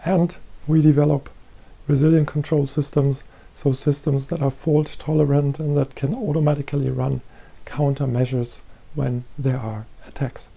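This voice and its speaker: Gravelly, mellow-voiced man presenting. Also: on the high side, flat delivery, moderate pace. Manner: explanatory, repeats himself. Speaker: chair holder presenting research. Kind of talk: presentation lecture. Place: green-screen studio.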